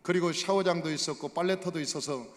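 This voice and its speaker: A male pastor preaching in a church sanctuary, telling stories and speaking straight to his congregation. His voice sits high for a man. A long reverb from the hall hangs behind every phrase. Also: fast talker. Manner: storytelling, addresses the congregation directly. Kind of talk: sermon.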